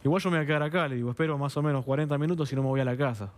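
A man's voice: fairly high pitch, very fast. A man from Argentina with a Buenos Aires accent, a guest on a TV studio interview, vehemently recounting events and acting out the dialogue. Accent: Buenos Aires Spanish. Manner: vehement, acts out quoted dialogue, keeps asking "understand?".

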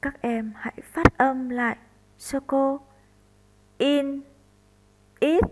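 A woman primary school teacher from northern Vietnam giving a slow recorded lesson for first graders, spelling out sounds deliberately. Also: high-pitched, fairly even intonation, noisy background.

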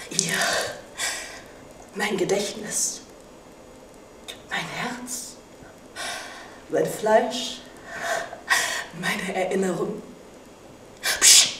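An actress performing a stage monologue as a vengeful, betrayed mother who swings from hushed menace to shrieking rage. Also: mid-range voice, far from the mic, noisy background. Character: Medea, vengeful betrayed mother, volatile and wild. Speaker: acting student. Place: stage or studio hall. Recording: echoey stage from afar.

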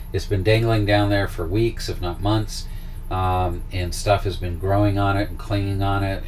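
Low-voiced man chatting inside a small trailer. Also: slight background noise. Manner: hesitant, rambling explanations. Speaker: vlog host giving RV upkeep tips. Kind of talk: casual unscripted how-to talk. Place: small RV interior.

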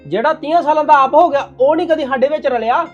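An actor playing a stern young husband who scolds his new wife. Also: very high voice. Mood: scolding. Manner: scolding, rapid, reproachful. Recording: dull lo-fi sound with music behind.

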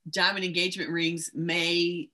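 A woman's voice: on the low side, level tone, unhurried, pushed and bright. A woman hosting a casual webcast about organizing, chatty and reassuring, laughing easily. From United States. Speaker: host, professional organizer.

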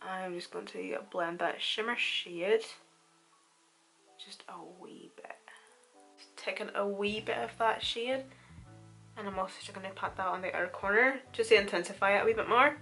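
Beauty vlogger: woman in her twenties, crisp bright tone, informal and chatty, mid pitch. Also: normal speed, soft background music. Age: 20s. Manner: informal, chatty, animated storytelling. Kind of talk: casual chatty makeup tutorial. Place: small room at home, indoors.

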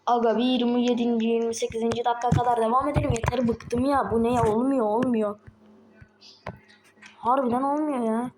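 A woman with a slightly sore throat, chatting excitedly to viewers while playing a game on a tablet. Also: on the high side, a little fast, noisy background. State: sore throat, a bit ill. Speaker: gaming channel host. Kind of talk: casual gameplay commentary. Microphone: tablet microphone.

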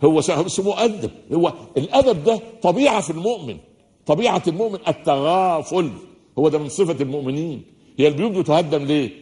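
A man with an Egyptian accent giving a religious lecture in a hall, talking fast and mixing formal and everyday speech as he asks the audience questions. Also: fairly high pitch, lively intonation, warm tone. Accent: Egyptian Arabic. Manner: fast-talking, says listeners are used to his speed.

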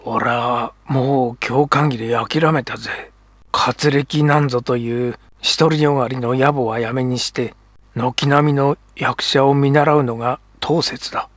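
A proud middle-aged kabuki actor, down on his luck, speaks in a rough, brooding Edo dialect, as a male narrator plays him. His voice is husky and mid-pitched, and it sounds dry and close to the mic. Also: fairly even intonation, normal speed, fairly bright tone, dry recording.

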